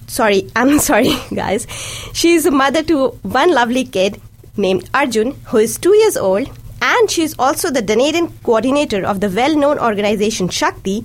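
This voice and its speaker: Lively Indian-born woman radio host. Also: high voice, moderate pace. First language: Hindi and Urdu. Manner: friendly, lively and welcoming. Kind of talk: community radio interview. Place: radio studio.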